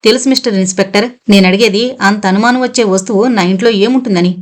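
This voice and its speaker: A woman's voice: medium pitch, quick pace, lightly acted. Audiobook: woman narrator playing a proud, challenging young man, haughty. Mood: defiant.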